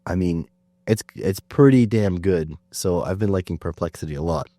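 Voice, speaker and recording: Deep-voiced man chatting loosely. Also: normal speed, warm tone, no room sound, studio quality. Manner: loose, rambling, many fillers and restarts. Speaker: podcast host. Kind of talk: casual conversation.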